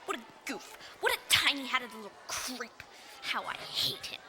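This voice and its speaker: A woman's voice: on the high side, sing-song, normal speed, background noise. A woman voicing a bossy, sarcastic girl of about nine in a cartoon, who secretly swoons into lovesick poetry. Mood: scornful. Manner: scornful, sarcastic, turns gushing and poetic. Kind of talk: cartoon voice acting. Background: cartoon music.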